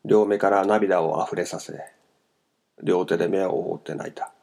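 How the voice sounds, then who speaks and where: Low, gravelly male narrator. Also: fairly even intonation, normal speed, a little mellow. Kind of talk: novel reading.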